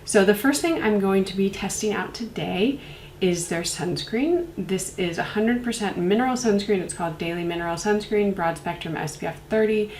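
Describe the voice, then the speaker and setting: A woman's voice: mid-range voice, normal speed, darkish tone. Woman with a stuffy cold voice, chatty skincare vlog, lots of fillers, faint room noise, echoey. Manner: chatty, rambling, many fillers like "like" and "um". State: congested from a cold. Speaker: beauty reviewer. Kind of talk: casual product review vlog.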